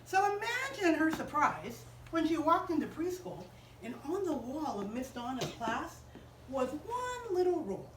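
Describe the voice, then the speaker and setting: A woman telling a story to children in a chapel, animated and asking them questions as she goes. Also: sits high, a little slow, roomy sound, recorded from a distance, a little hiss or hum, poor audio. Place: chapel room.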